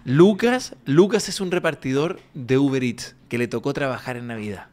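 A man's voice: medium pitch, moderate pace, a little mellow, a little hiss or hum. A man with a Chilean accent, co-hosting a podcast in rambling, slangy casual chat. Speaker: podcast co-host.

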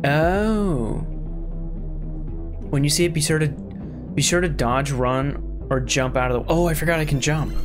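A man's voice: a little high, unhurried, pauses often. A young man giving casual, exclamatory let's-play commentary as a gaming host. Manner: excitable, exclamatory. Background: game music.

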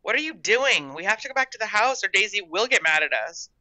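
A woman's voice: mid-range voice, very animated, normal speed, sharp tone, no room sound, voice pushed up. A woman doing a sulky, defiant big sister. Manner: curt and sulky. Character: defiant, sullen older sister girl. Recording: dull lo-fi dry recording.

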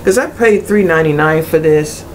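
A middle-aged woman giving a blunt, casual product review in a hesitant way with many pauses. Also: low-pitched. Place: small cluttered room indoors. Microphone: webcam at arm's length. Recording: noisy webcam recording with room ambience.

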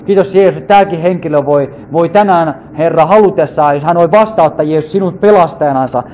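A man's voice: a little high, darkish tone, slight background noise. A man leading a fervent free prayer, calling out repeated invocations and sometimes speaking in tongues. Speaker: prayer leader.

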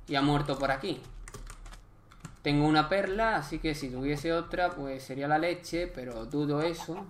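A young man with a Spain Spanish accent doing live gameplay commentary, chatty and excitable, swearing and joking in slang. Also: on the high side, normal speed, slight background noise. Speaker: gaming YouTuber.

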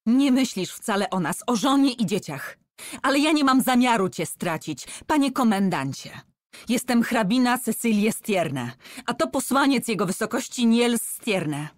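A woman's voice: fairly high pitch, animated, a little slow, no room sound, studio quality, pitched above the performer's own voice. A woman voicing a young woman who bluffs as a countess, speaking in a raised, agitated, pleading way. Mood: agitated, defiant.

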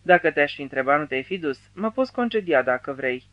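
A male narrator voicing a calm, polite female secretary in an audiobook. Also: on the high side, no room sound, lo-fi sound, close to an everyday voice.

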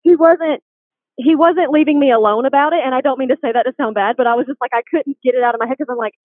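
Talking fast in a high-pitched voice, a guest who works at a boutique describes her faith story over the phone. Her chatty style is packed with "like," and the tinny line carries no room sound.

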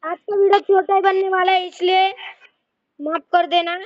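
A woman streaming a mobile shooter game and chatting with teammates. She is excitable and keeps repeating her hellos. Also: very high-pitched, normal speed, muffled recording, a little hiss or hum. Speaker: gaming streamer. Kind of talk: live game commentary with teammates.

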